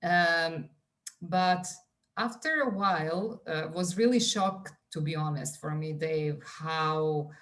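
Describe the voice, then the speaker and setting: A woman in her forties with a Serbian accent, a wellness coach talking earnestly as a podcast guest with many fillers and restarts. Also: low-pitched. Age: 40s. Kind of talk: conversational podcast interview.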